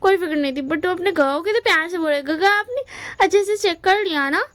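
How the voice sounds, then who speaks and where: A woman's voice: very high-pitched, fairly quick, a bit bright, no room sound, studio quality, voice pushed up. Woman voicing an exasperated middle-aged uncle. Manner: complaining, exasperated.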